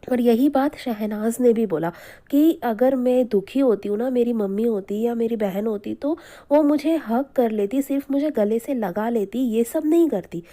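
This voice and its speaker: A woman's voice: a little high, moderate pace, dark tone. A woman giving a spoken review of a reality show, opinionated and repeating her points for emphasis.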